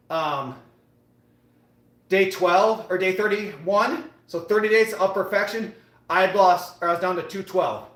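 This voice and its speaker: In an echoey indoor gym, a fitness live streamer, an American man in his late thirties, talks casually to viewers mid-workout. His voice sits high with a fairly bright tone, and his talk is motivational and repetitive.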